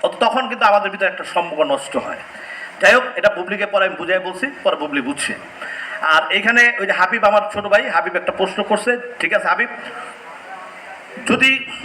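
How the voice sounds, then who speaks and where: A man's voice: sits high, expressive, brisk, long pauses, pushed and bright, slight background noise. A man giving a heated, scolding speech at a press event, repeating phrases for emphasis, recorded on a distant mic in an echoey hall. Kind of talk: impassioned press conference speech.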